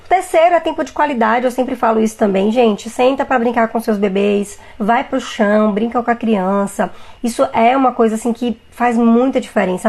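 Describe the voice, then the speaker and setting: A woman's voice: fairly high pitch, vocal fry. A Brazilian woman pediatrician in her thirties giving parenting advice on a live stream, explaining patiently and speaking to viewers directly. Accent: Brazilian Portuguese. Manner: warm explanatory advice, addresses viewers as "gente".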